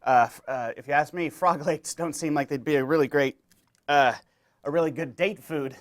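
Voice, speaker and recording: A young adult man hosting a mock-educational comedy monologue, rambling and deadpan with many fillers. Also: a little high, normal speed. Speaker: comedy show host.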